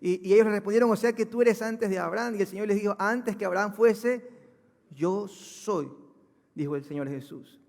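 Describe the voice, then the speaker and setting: A male pastor preaching a sermon, building to loud, emphatic proclamations. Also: high-pitched, normal speed, gravelly, in a large hall. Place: church hall.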